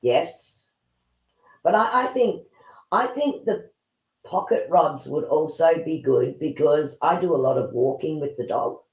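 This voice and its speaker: A woman's voice: low-pitched, lively intonation, a little slow, a little mellow. A woman co-hosting a livestream over a video call, reading out viewers' messages and adding encouraging advice. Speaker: livestream co-host. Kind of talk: casual livestream chat. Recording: echoey room.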